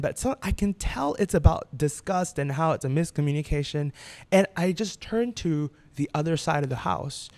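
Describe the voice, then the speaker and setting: A man's voice: a little high, a little mellow, dry recording. A man in his late twenties, a podcast guest, telling a painful family story in a candid way, often repeating and restarting his words. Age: 20s. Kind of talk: emotional personal storytelling.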